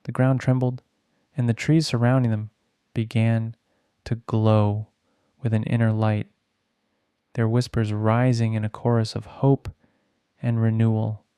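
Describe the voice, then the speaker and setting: A man reads a bedtime fantasy tale with a soft-edged, mellow tone. His voice is very smooth and closely recorded in a dry space. He takes his time, letting dramatic pauses hang between phrases. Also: lowish voice, level tone, no echo. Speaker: storyteller, narrator. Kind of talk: slow bedtime story narration.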